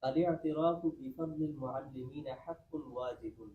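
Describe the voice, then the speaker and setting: A man's voice: fairly high pitch, moderate pace, narrow, tinny audio, a little hiss or hum. A male student reading an Arabic text aloud in class and answering the teacher briefly, heard faintly from across the room.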